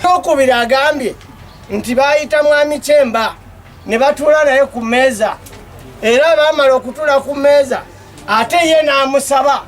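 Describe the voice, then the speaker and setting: A man's voice: very high-pitched, normal speed, soft background music. A male news reporter delivering a voice-over with pointed rhetorical questions, sometimes raising his voice.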